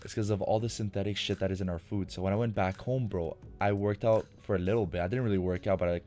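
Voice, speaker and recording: A young man with a fairly low voice, co-hosting a casual podcast. He talks in crude slang and throws himself into acting out the people in his stories. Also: fairly even intonation, fast, dark tone, soft background music. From Albania. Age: young adult. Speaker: podcast co-host. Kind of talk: casual chat.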